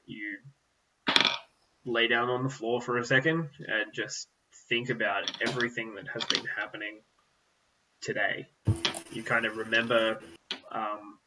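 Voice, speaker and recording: Slow, rambling game master, a man. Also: lowish voice, fairly bright tone, highs cut off, a little hiss or hum. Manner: meandering, full of "like" and "um". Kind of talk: narrating a tabletop game.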